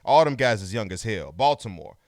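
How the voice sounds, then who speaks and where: A man's voice: lowish voice, animated, fairly quick, a little mellow, no room sound. Emphatic man listing players, dry sound. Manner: rattles off lists of players, emphatic. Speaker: podcast co-host. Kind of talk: casual sports chat.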